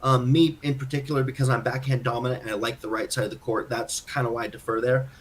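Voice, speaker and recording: A man's voice: medium pitch, little pitch movement, fast, a little hiss or hum. A man co-hosting a podcast, chatting casually and thinking aloud about his own game, self-critical and full of restarts. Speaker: podcast co-host. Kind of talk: casual chat.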